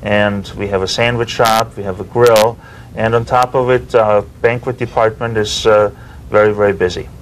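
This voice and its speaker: A man's voice: on the low side, fairly even intonation, normal speed, a little hiss or hum, rough recording. A man who manages a restaurant, speaking as a guest on a TV show in a businesslike way, hesitating with fillers. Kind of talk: TV interview guest.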